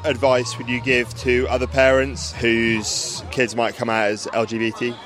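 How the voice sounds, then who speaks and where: A man of average pitch asks interview questions at an outdoor event. Music plays faintly behind him. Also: level tone, moderate pace, fairly bright tone.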